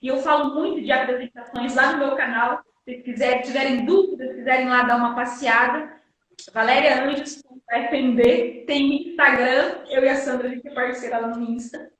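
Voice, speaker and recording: A Brazilian woman teacher giving a lively live-stream lesson, emphatic and energetic, acting out her students' questions. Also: sits high, moderate pace. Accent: Brazilian Portuguese. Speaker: guest teacher. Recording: echoey room, distant mic.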